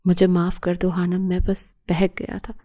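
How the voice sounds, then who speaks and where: A woman voicing a remorseful young man who begs for forgiveness, in a low-key emotional reading. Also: monotone, mellow, lightly acted. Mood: pleading.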